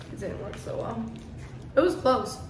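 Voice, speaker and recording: A playful woman reviewing snacks on her vlog, talking casually with her mouth full of snacks. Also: a little high. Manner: playful, laughs at own jokes. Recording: echoey room with faint noise.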